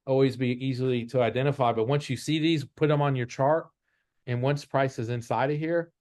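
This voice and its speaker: In a studio-quality, dry recording, a man with a mid-range voice teaches a casual chart-based trading lesson. He walks through each step and keeps restating his rules.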